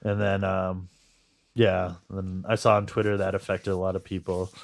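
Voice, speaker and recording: A man's voice: deep voice, little pitch movement, normal speed, vocal fry. A man co-hosting a podcast, talking in cynical, rambling casual banter. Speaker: podcast co-host. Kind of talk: casual chat.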